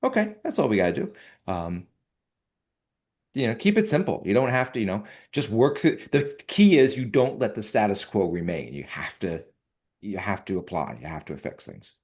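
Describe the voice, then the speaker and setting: A man's voice: lowish voice, normal speed. A man working as a consultant, talking animatedly in a casual panel discussion and acting out what clients say. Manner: animated, acts out quoted voices. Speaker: SEO consultant.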